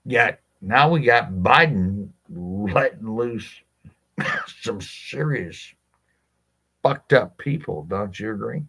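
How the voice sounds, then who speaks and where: Low-voiced guy ranting to his viewers, blunt and cussing a lot, slow and deliberate. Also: lively intonation, creaky, fairly bright tone, husky. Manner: blunt, impassioned, swears freely, asks rhetorical questions. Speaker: legal rights advocate addressing viewers. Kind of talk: direct-to-camera monologue.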